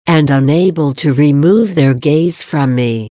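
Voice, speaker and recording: A woman reading the part of a tender heavenly mother, the queen of heaven, in a slow, solemn devotional reading. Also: deep voice, warm tone, dry recording, clean studio sound.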